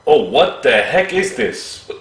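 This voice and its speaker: A man giving casual let's-play commentary, excitable and thinking aloud as he repeats himself. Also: on the high side, takes it slowly. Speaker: gaming commentator. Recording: roomy echo.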